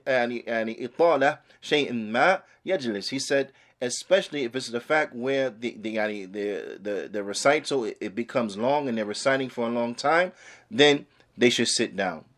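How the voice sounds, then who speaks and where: A man's voice: medium pitch, fairly bright tone. A man teaching an Islamic class like a preacher, explaining a text phrase by phrase and repeating points to exhort, switching between English and Arabic. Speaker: religious teacher giving a class.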